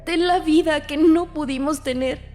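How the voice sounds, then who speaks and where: A woman's voice: high-pitched, moderate pace, a little mellow, in a large hall, close to an everyday voice. A woman voicing the narrator's desperate, tearful young sister in a horror audio drama. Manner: pleading, tearful.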